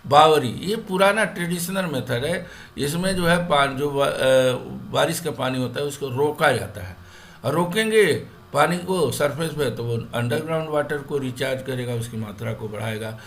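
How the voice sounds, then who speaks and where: A male teacher explaining a school lesson in Hindi, mixing in English terms and pausing to restart his sentences. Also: medium pitch, a bit bright.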